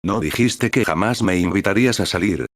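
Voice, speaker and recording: Sly mercenary schoolgirl, read by a man, flat unimpressed drawl, low voice, dry close sound, read-aloud story. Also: brisk, dry recording. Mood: bored, teasing. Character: sly, bored, money-grubbing teenage girl.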